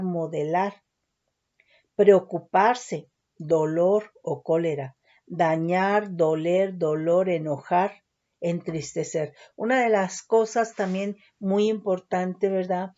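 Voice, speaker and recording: Woman Bible teacher, unhurried, dull lo-fi sound. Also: fairly low pitch, steady tone, warm tone. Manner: keeps asking ¿verdad? and ¿sí?. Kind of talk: slow Bible teaching with word studies. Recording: dull lo-fi recording.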